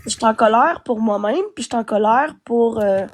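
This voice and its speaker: Appearing as a guest on a live stream, a woman with a Québécois French accent rants angrily and swears often. Her voice is a little high, at a normal speed.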